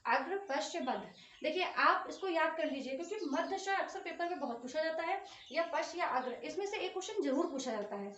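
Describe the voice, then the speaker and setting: A woman teaching a Hindi grammar lesson for exam prep. She says sounds aloud and draws out the long ones, checking in often with students. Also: very high voice. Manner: drills vowel sounds aloud, stretching long ones, with frequent "ठीक है" check-ins. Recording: echoey room, voice a bit far from the mic.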